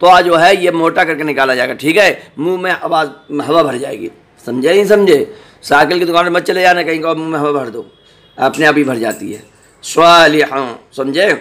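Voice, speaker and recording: Teaching online, a man with a fairly high voice works through a Quran lesson by reciting every Arabic word slowly and repeating it. Quick explanations follow, and he puts his learners at ease with gentle reassurance and small jokes.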